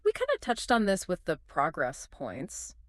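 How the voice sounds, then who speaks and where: A woman with a somewhat low voice co-hosts an explanatory podcast, asking curious questions and summing up each point. Her delivery is dry and close to the mic. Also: huge pitch swings, unhurried, no echo. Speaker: podcast co-host.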